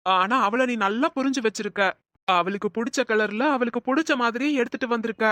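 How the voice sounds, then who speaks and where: A woman voicing a gentle, caring young man in a Tamil cartoon, soothing and reassuring in manner. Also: a little high, fairly quick, no room sound, natural voice. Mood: warm.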